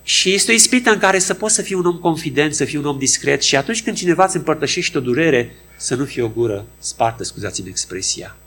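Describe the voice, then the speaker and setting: A man's voice: fairly high pitch, expressive, few pauses, a bit bright, slight background noise. A man preaching a sermon, acting out quoted dialogue in shifting voices.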